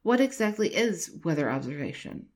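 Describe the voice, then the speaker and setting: A woman's voice: on the low side, big pitch swings, moderate pace, darkish tone. A woman voicing a curious, playful young woman amateur detective in a read-aloud story. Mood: eager.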